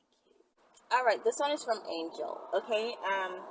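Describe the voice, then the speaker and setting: An animated woman with a medium-pitched voice takes her time hosting a casual Q&A video. Her manner is frank, emphatic and chatty. The mic is distant and background noise is clearly audible.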